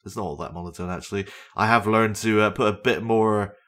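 A young man with a fairly low voice hosts a podcast on his own. He chats casually about games, rambling along with plenty of fillers and the odd self-deprecating aside. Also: a little fast, fairly bright tone. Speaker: podcast host.

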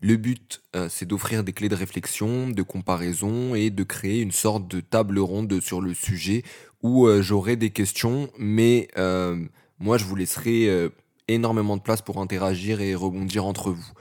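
A man hosting a round-table podcast, introducing guests in a friendly, measured way with frequent fillers. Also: fairly low pitch, fairly even intonation, a little mellow. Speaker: podcast host.

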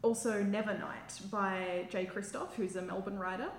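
A woman's voice: medium pitch, steady tone, normal speed, gravelly. A woman gushing enthusiastically in a casual book chat on a podcast. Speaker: podcast panellist. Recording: roomy echo, faint background noise.

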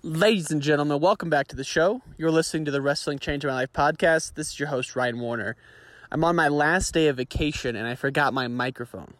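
A man delivers a brisk, upbeat podcast intro, his voice sitting a little high. It is recorded on a phone, so the audio is low quality, and the sound is dry and close. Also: a bit bright, no echo. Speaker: podcast host.

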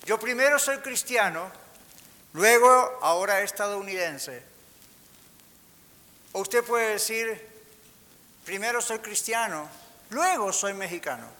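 A pastor preaches with a high, bright voice, putting rhetorical questions to his listeners. His voice rings out through a reverberant hall over a faint hiss. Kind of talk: sermon. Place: church hall.

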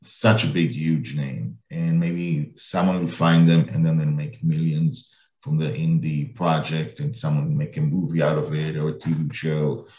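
A man's voice: a bass voice, level tone, normal speed, a little mellow. A man hosting a podcast, talking in a casual interview chat. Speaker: podcast host. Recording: echoey, dull lo-fi room sound.

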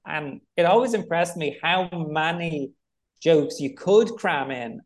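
Speaking slowly in a voice on the high side, a Dublin-accented man from Ireland rambles through a casual interview about his work as a film director. He sounds relaxed and leans heavily on fillers.

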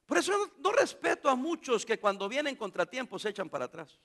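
Pastor guy preaching, really high bright voice, lots of questions to the church. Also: fairly quick. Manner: preaching with rhetorical questions to the congregation; animated, acts out quoted voices. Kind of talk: sermon.

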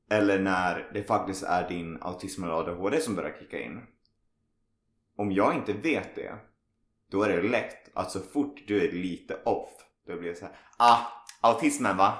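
Low-voiced man, animated podcast host. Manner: animated storytelling, acts out others' remarks. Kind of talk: casual conversation. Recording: roomy echo.

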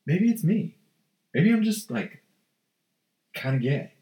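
Laid-back man with very lively pitch. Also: slow pace, reverberant. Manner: laid-back, joking, says "man" a lot. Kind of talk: casual chat.

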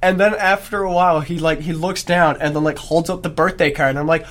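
A man's voice: on the high side, steady tone, fairly quick, a bit bright. Young man rambling on a podcast. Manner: rambling storyteller, trails off and restarts. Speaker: podcast host. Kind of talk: casual chat.

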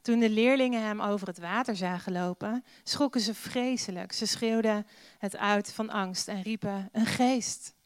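Smooth-voiced woman preaching conversationally. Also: mid-range voice, normal speed, no room sound. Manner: conversational, many filler sounds, rhetorical questions. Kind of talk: sermon with Bible reading.

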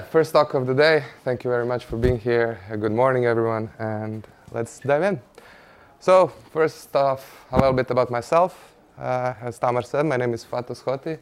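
A man's voice: medium pitch, clean tone. A man from Croatia, giving a conference presentation in a conversational way with light humor and frequent "uh" fillers. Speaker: conference speaker, engineering manager. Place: conference stage before an audience.

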